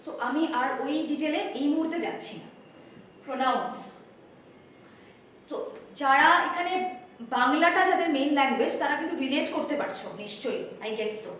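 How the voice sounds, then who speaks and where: Woman teacher, Bengali accent, high voice, explains step by step, heavy room echo, distant mic. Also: a little fast, pauses often, a bit bright, slight background noise. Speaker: spoken English teacher. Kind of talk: course introduction lesson. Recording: roomy echo, voice from far off.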